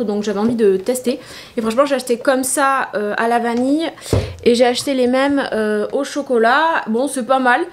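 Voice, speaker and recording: A woman's voice: on the high side, a little hiss or hum. A tired young woman, chatting casually through a get-ready-with-me vlog in her bedroom, rambling with many fillers. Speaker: beauty vlogger.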